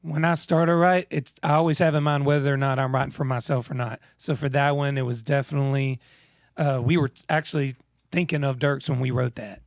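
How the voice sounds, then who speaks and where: This radio interview features a musician guest with a naturally scratchy, creaky voice, laughing easily and chatting in a relaxed way. His voice is mid-range with a steady tone, and he talks fairly quickly. There's no room sound.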